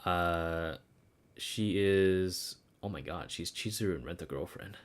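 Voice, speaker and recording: A man streaming in a casual, opinionated, sweary style with animated delivery. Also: deep voice, measured pace. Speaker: streamer reviewing game voice dubs.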